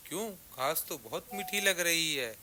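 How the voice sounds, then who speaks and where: A man's voice: on the high side, lively intonation, a little slow, sharp tone, a little hiss or hum, pitched above the performer's own voice, full character voice. A man doing a greedy, easygoing goat. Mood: cheerful. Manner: easygoing and food-loving. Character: greedy, good-natured female goat.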